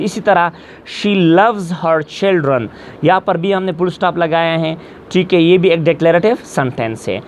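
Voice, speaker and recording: A man teaching an English grammar lesson in a mixed Hindi-Urdu and English speech. He reads his English examples out slowly and keeps checking back with the class. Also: on the high side, slight background noise. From Pakistan. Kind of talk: classroom lecture.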